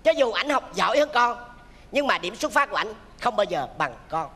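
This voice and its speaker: Một người đàn ông đóng vai cậu học sinh nhà giàu kiêu ngạo, đọc bài thi một cách tự mãn. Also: male voice, sits high, sing-song, a little fast, sharp tone, long reverb tail, slight background noise, exaggerated voice. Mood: smug. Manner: smug, pompous recital. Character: boastful rich schoolboy contestant. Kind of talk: stage comedy sketch.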